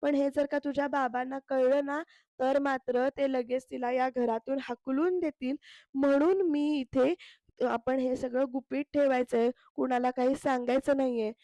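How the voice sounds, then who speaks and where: A sharp-tongued middle-aged aunt, scolding and accusing, voiced by a woman retelling a TV episode. The voice sits high and sounds dry and close. She is bossy and scheming. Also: steady tone, moderate pace, dry recording. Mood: hushed scheming.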